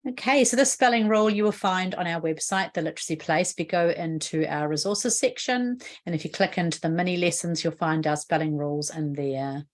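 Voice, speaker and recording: A literacy educator from New Zealand, going by her accent, walks viewers through a spelling rule in a video lesson, patiently explaining and often quizzing them. Her fairly low voice is brisk, with few pauses.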